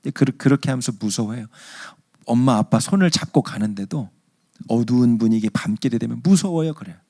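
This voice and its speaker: A male pastor preaching a sermon at a church service, telling stories in an animated way. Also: medium pitch, fairly quick. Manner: animated storyteller acting out scenes.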